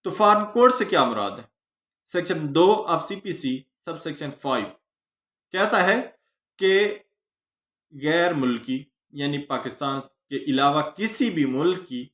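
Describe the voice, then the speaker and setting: A man with a Pakistani accent gives an instructional law lecture in a medium-pitched, fairly bright voice, captured on a roomy, echoing recording. Didactic and emphatic, he stresses phrases, poses questions and answers them, and mixes in English legal terms.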